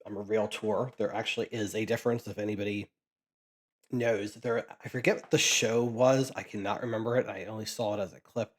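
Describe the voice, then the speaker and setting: A man's voice: on the low side, steady tone, a little fast. A man casually chatting as he sorts trading cards for his channel, rambling with frequent restarts. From Pennsylvania, US. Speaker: card collecting vlogger. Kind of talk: casual chat while sorting cards.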